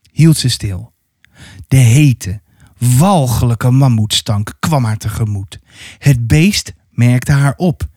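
A man reading a children's adventure book aloud in an expressive storytelling manner. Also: on the high side, no room sound, studio quality. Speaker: storybook reader.

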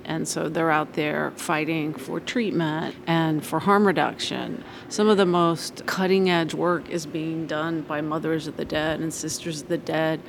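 A reporter giving measured, explanatory interview commentary. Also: mid-range voice, vocal fry, a little hiss or hum.

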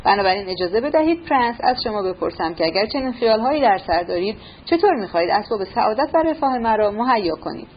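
A woman's voice: medium pitch, animated, few pauses, lightly acted. Woman reading a haughty young noblewoman, pointed and teasing, audiobook. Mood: cool. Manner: pointed, mocking questioning. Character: proud, sharp-tongued young noblewoman. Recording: muffled recording with faint hiss.

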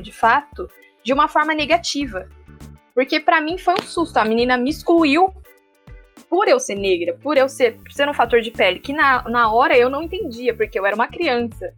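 Woman, Brazilian Portuguese accent, casual vlog storytelling, fairly high voice, soft music underneath. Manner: animated, often acts out quoted voices. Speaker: vlogger.

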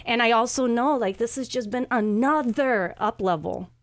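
Casual, halting woman talk show guest. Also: on the high side, no room sound. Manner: halting, with frequent 'you know' asides. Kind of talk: casual conversational chat.

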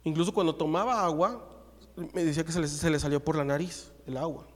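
A Mexican preacher with a high-pitched voice tells a story from the pulpit, acting out each exchange. His voice rings with a long reverb, as in a church hall. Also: a little fast. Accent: Mexican Spanish. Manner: lively storytelling, acts out the dialogue. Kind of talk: sermon with personal testimony.

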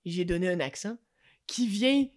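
A young woman with a Québécois accent chatting casually, often restarting and filling pauses. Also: on the low side, expressive. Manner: hesitant, many restarts and fillers. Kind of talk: casual chat.

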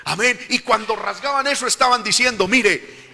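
A male preacher with a high, piercingly bright voice delivers a fervent sermon. He keeps turning to his listeners as brothers. His words trail off in the long reverb of a large hall. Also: animated, measured pace.

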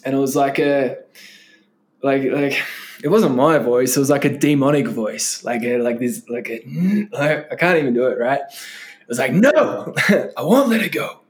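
Male interview guest, casual storyteller, meandering delivery with constant fillers, mid-pitched voice. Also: normal speed. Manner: loose and rambling, many "like" and "um" fillers.

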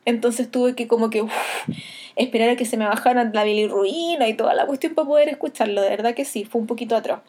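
A woman's voice: on the high side, fast, dark tone. Gushing Chilean woman recommending books. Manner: enthusiastic, rambling, gushing. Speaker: book vlogger. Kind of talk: casual book recommendation.

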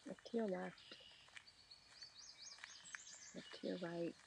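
A soothing guide narrating a meditation in short, slow phrases with long pauses. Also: mid-range voice, steady tone. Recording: clear outdoor nature noise, birdsong.

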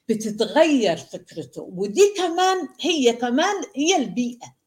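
A woman in a casual online discussion who talks thoughtfully and often pauses to search for words. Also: medium pitch. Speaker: discussion participant.

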